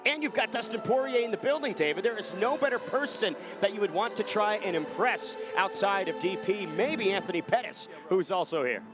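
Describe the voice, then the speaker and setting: A man with a high voice calls a live fight as play-by-play commentator. His delivery is polished and broadcast-ready, with music playing clearly behind him. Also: expressive, brisk, hardly any pauses.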